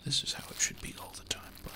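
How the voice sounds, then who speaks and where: A man whispering casual, chatty ASMR into a close microphone, breathy and soft, with self-amused asides. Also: quick pace. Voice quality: breathy whisper with creaky edges. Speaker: ASMR artist and host. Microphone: close microphone through an audio interface.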